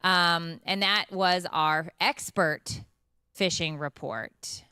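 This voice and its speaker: A woman's voice: lowish voice, slow pace, sharp tone, clear, resonant tone, dry recording, studio quality. A woman co-hosting a morning show, reading local news with joking asides. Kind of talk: casual chat, reading news segments.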